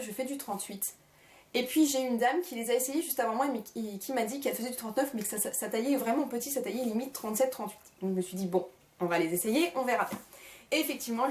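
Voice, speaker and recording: A woman's voice: fairly high pitch, slight background noise. A woman talks through a shopping haul in casual vlog style, gushing with lots of fillers, recorded on a camcorder mic. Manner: gushing, with frequent fillers and repeated praise. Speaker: vlogger. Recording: roomy echoey room.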